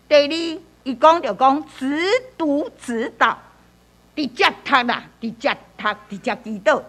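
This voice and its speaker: A woman leads a church Bible-reading lesson in a high, bright-pitched voice. Her pitch swings widely as she teaches. She repeats phrases, tags many lines with a soft "hoh", and leans hard on key words when reading verses aloud. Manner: repetitive, peppers speech with "hoh"; reads scripture aloud with emphasis.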